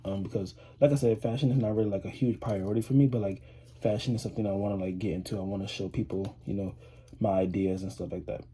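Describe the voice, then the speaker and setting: Teen dude yapping on his vlog, kinda low and mellow, breathy, um-ing a lot. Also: fairly even intonation, fast, slight background noise. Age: 18, teenager. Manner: rambling, many fillers and restarts. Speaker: vlogger, high school student. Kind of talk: casual rambling chat to camera.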